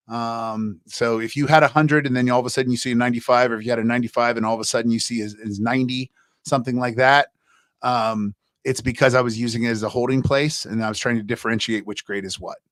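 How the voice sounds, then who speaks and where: A man's voice: medium pitch, fairly bright tone, dry recording. A man teaching a college humanities class over a livestream, chatty and loose, with many fillers and restarts. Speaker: college instructor. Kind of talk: casual livestream class talk.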